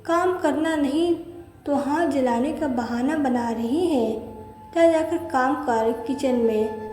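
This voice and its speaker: A woman's voice: high voice, slow pace, dark tone, reverberant, in a large hall, faint music behind. A woman voicing a cruel middle-aged mother-in-law who barks harsh, taunting orders. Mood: scolding.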